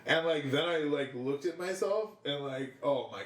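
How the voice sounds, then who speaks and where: A man's voice: fairly high pitch, normal speed, fairly bright tone, reverberant. A young man co-hosting a podcast in casual chat, rambling and swearing a lot, laughing often. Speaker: podcast co-host.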